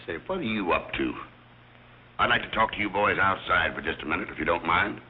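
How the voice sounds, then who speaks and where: A man's voice: sits low, expressive, a little fast. A middle-aged man acting an exasperated wealthy father in 1930s screwball comedy film banter. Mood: apologetic, firm. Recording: muffled 1930s film soundtrack with hiss.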